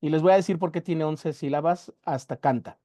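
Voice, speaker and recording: A poetry workshop teacher, giving a methodical lecture and slowly spelling out syllables with emphasis. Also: medium pitch, mellow, dry recording, studio quality. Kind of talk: explanatory lecture.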